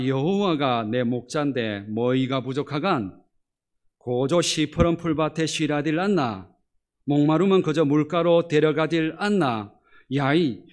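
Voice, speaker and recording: A man's voice: a little high, pitched above the performer's own voice, close to an everyday voice. Pastor doing a folksy Pyongan man, emphatic and raised, firing rhetorical questions. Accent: Pyongan dialect. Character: folksy northern Pyongan man reciting a psalm.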